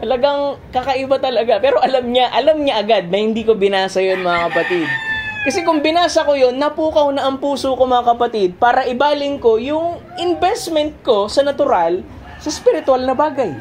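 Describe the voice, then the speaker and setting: A man's voice: very high voice, a little fast, darkish tone. Pastor, thirties, male: folksy conversational preacher, laughs at himself, light background noise. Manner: conversational, keeps saying "mga kapatid" and "diba?"; chuckles through his own stories. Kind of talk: sermon.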